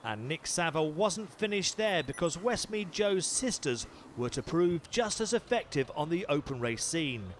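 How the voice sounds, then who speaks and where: A man narrates a sports review in a polished, emphatic voice-over, his pitch sitting slightly high. Clear noise runs under the recording. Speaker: programme presenter.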